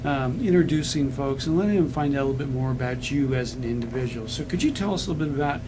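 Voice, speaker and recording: A man's voice: medium pitch, lively intonation, fast, background noise. A man co-hosting a local TV show, introducing a guest and asking friendly questions. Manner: friendly, laughs along, asks questions. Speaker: co-host. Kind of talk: casual TV interview.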